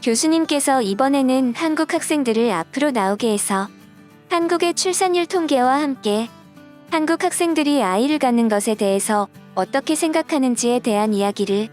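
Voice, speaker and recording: A woman reading a scripted voice-over narration in a brisk, even, explanatory way. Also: sits high, faint music behind. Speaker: channel narrator.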